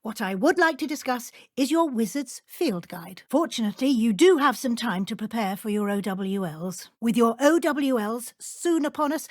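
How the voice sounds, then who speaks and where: Professor Matilda Weasley, high-voiced formal schoolmistress. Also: female voice, dry recording, clean studio sound. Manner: formal, measured, crisp schoolteacher diction. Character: stern but caring woman professor at a wizard school. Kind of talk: scripted video game character dialogue.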